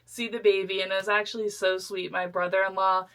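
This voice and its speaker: A woman's voice: mid-range voice, flat delivery, a little fast, fairly bright tone. A young adult woman, a podcast co-host, chatting casually and telling her story animatedly, acting out the voices of the people she quotes. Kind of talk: casual chat.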